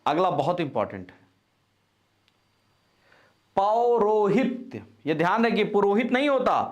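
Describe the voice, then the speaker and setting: Animated male grammar teacher. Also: sits high. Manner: repeats each word slowly and stresses key syllables; animated, coaching tone with frequent reminders. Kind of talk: exam-prep spelling lesson.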